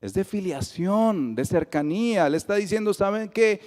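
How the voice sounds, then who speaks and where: Colombian pastor preaching in an echoey church. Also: male voice, high-pitched, moderate pace. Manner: lively storytelling that acts out the dialogue. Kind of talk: sermon. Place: church sanctuary.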